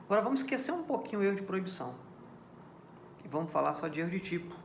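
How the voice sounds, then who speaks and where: Teaching criminal law in a lecture, this Brazilian man speaks with a Brazilian Portuguese accent, very fast and very animated, in a high, creaky voice. The sound is reverberant with slight background noise. Didactic, he works through points step by step, restating the key ideas and asking rhetorical questions to confirm understanding.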